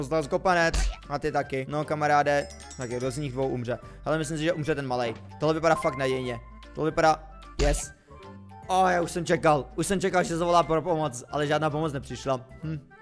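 A young male gamer with a fairly high voice talks through a game in a casual, joking way, dropping to low mutters and then jumping up into excited yelps. Background music plays softly under his voice. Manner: excitable, jokey, swings between muttering and yelping. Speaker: gaming YouTuber.

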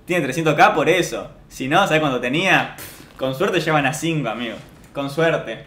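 A man's voice: on the high side, moderate pace, a bit bright. A man with an Argentine accent, a streamer chatting casually and ranting jokingly to his chat. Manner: joking, mock-boastful rants to chat. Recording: roomy echo.

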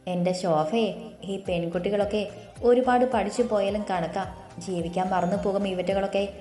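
A woman's voice: medium pitch, steady tone, moderate pace, dark tone, reverberant, soft background music, lightly acted. A woman voicing a disapproving older mother-in-law who grumbles scornfully. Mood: grumbling.

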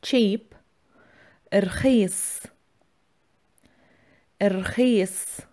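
A woman's voice: mid-range voice, drawn-out words, dark tone. A woman hosting a scripted language lesson, enunciating words and phrases in an instructional way. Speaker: language teacher, channel host.

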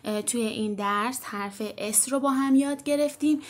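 Gentle woman teaching kids the alphabet. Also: fairly high pitch. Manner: slow, drawn-out, clearly enunciated example words; gentle and encouraging toward children. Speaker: English teacher for children. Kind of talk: children's alphabet lesson.

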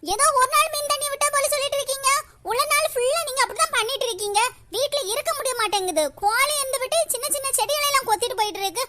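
Woman voicing an aggrieved high-voiced village woman. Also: racing, pushed and bright, slight background noise. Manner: pleading, aggrieved, repeats "akka". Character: well-off village woman defending her family. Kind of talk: animated cartoon voice acting.

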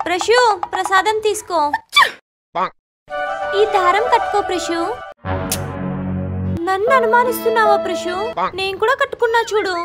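A young woman playing a timid, coaxing wife in a comedy skit, with a pitched-up voice. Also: steady tone, normal speed, long pauses. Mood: anxious, coaxing. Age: young adult. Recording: loud music over the dialogue.

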